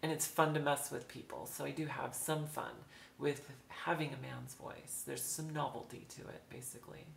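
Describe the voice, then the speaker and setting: Woman vlogger, low feminine voice with heavy vocal fry, earnest video diary, echoey room. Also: fairly even intonation, normal speed, slight background noise. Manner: earnest, confessional.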